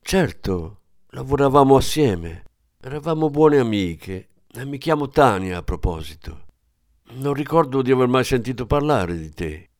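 A man reading an audiobook, voicing a brash young woman who is foul-mouthed and fierce in a raised, sharp voice. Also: medium pitch, big pitch swings, a little slow, dry recording, studio quality, pitched above the performer's own voice. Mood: bitter.

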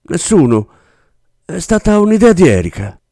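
A man doing a frightened young clerk with a high, strained voice. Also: sing-song, normal speed, dark tone, dry recording, studio quality. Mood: frightened, pleading. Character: scared young male clerk, pleading.

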